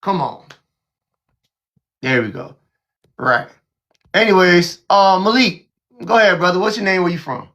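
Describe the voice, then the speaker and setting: A man's voice: sits high, expressive, unhurried, pauses often, pushed and bright. A man hosting a heated live call-in discussion, brash and mocking, swearing freely and cutting callers off. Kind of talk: heated live panel talk.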